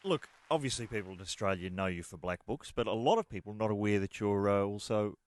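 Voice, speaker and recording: A man hosting a comedy radio show, joking in a wry, deadpan way. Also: lowish voice, fairly quick, dry recording. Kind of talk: comic radio chat.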